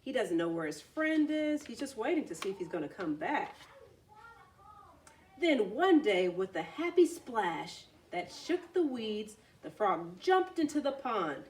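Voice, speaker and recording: This children's read-aloud features a woman with a medium-pitched voice, unhurried and full of lively, swinging intonation. Simple explanations are woven in among the narration. She is slightly far from the microphone, and there's a little hiss or hum.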